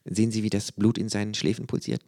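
A cutting storybook kangaroo talks in a clearly raised voice and lectures its listener with total deadpan calm , voiced by a man. It sounds like a smug doctor giving a diagnosis, in a dry room. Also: on the low side, quick pace, no room sound, pitched above the performer's own voice. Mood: calm, needling. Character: sarcastic know-it-all kangaroo, dry and cutting.

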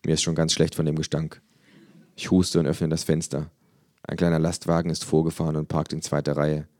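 Deadpan low-voiced man reading a story. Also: brisk, dry recording. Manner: dry, deadpan first-person narration. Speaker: reader. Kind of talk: live comic reading of a story.

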